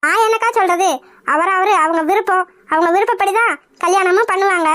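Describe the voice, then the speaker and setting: A woman voicing a calm, polite young daughter in a cartoon, speaking gently and reasonably. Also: extremely high pitch, brisk. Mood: gentle.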